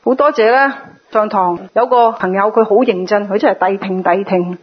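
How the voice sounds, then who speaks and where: During a sermon, a woman patiently explains a Buddhist sutra, occasionally imitating others in a lively way. Her voice is medium-pitched with a breathy edge, her speed is normal, and the recording sounds muffled.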